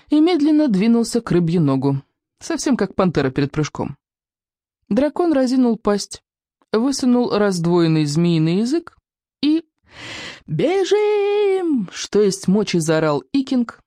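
An audiobook narrator reading an adventure story with animated, dramatic delivery that slows and stretches words for suspense. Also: mid-range voice, dry recording, studio quality.

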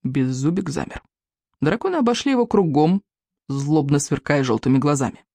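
A reader telling a children's adventure story in scripted narration, with expressive storytelling. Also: mid-range voice, normal speed, vocal fry, no room sound. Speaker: audiobook reader.

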